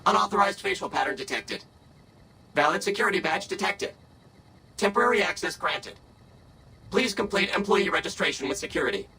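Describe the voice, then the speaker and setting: A man's voice: sits high, lively intonation, a little fast, long pauses, pushed and bright, slight background noise, heavily acted, low-quality recording. A man voicing a polite, servile male security robot in a video game, with a filtered synthetic voice and formal announcements.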